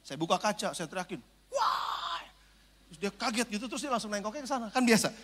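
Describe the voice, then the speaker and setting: A high, bright-voiced male pastor preaches in an animated, joking way. He drops from loud preaching into low asides, and his voice rings out with the long echo of a large church hall. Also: racing. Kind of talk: sermon.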